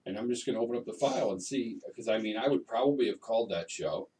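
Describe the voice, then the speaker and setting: A man's voice: on the low side, fast talker, warm tone, distant mic, rough recording. A man hosting a comedy podcast, talking loosely and jokingly in a rambling way. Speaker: podcast host. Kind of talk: casual comedy chat.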